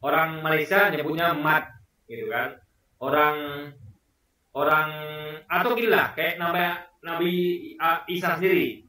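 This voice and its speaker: High, bright man, rambling, echoey room. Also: steady tone, unhurried, pauses often, far from the mic. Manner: rambling, repeats words, searches for examples. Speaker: video commentator. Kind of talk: casual commentary on a debate clip.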